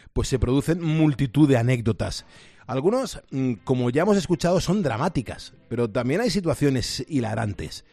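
A man reads a scripted radio report in a clear, measured way. His voice sits at a middle pitch. The studio sound is dry and close. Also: a little mellow, no echo.

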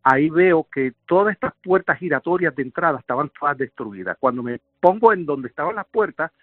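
A man's voice: a little high, animated, fairly quick, dry recording. Man speaking over a tinny phone line. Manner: intense, vivid retelling. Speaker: survivor interviewee. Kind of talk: emotional first-person testimony.

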